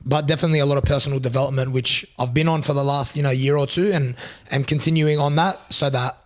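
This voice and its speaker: A man in his twenties with a hoarse, raspy voice, talking earnestly and reflectively in a casual podcast chat, with lots of "you know" fillers. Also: mid-range voice, steady tone, quick pace. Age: 20s. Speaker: podcast co-host.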